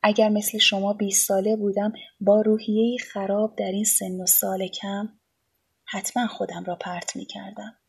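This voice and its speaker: A woman voicing a calm, mocking older artist. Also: mid-range voice, gravelly, slightly rough. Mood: provoking. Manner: calm, teasing, unbothered. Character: aloof, mocking male artist on a cliff.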